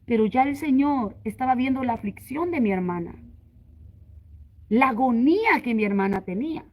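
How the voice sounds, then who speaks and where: A middle-aged woman evangelist with a high voice delivers a testimony sermon. She tells the story in a lively, animated way and turns to her listeners as brother again and again. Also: normal speed, poor audio.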